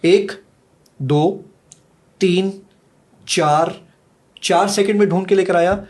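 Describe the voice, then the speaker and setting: A man's voice: sits high, a little mellow. A man eagerly demonstrating his own app in a podcast conversation, counting seconds aloud. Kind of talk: podcast conversation, product demo.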